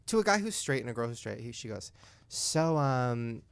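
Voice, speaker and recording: A man's voice: mid-range voice, rapid-fire, vocal fry. A man hosting a podcast, telling stories in casual chat and acting out the people he quotes. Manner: animated storyteller, acts out quotes. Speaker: podcast host.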